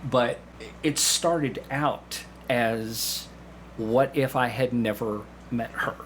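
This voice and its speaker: An amateur actor appears as a podcast guest, sharing anecdotes in a casual, halting way, repeating phrases and acting out asides. His mid-pitched voice is a bit bright, and background room noise is clearly audible.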